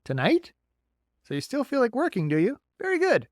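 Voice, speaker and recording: A man's voice: very high voice, wildly swooping pitch, normal speed, no echo, studio quality, pitched above the performer's own voice, full character voice. A man voicing a friendly, talkative male beaver who eagerly gives folksy advice in an audiobook. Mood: chatty. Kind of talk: audiobook character voice.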